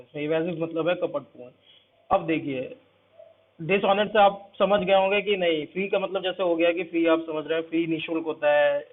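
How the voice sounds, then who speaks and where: Tinny-sounding male vocabulary teacher. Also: on the high side. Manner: explains step by step, repeats each word and its meaning. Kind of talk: exam-prep vocabulary lecture.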